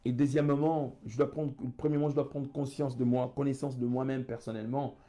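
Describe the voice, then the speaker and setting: A man's voice: mid-range voice, flat delivery, brisk, mellow. A man preaching a sermon and leading prayer, exhorting listeners with repeated calls and bursts of speaking in tongues.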